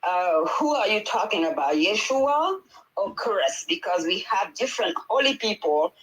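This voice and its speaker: A midwife and healer from Senegal, native in Wolof and speaking with a Senegalese accent, talks earnestly in a conversational panel over a video call, full of fillers and restarts. Her medium-pitched voice is very animated and fairly bright at a measured pace, in a low-quality recording.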